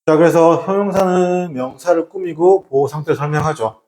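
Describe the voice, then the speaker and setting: A man's voice: a little high, moderate pace, roomy sound. A man teaching English grammar in a recorded lecture, firing rhetorical questions and answering them himself, switching between casual and polite speech. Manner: acts out shouted warnings to make a point.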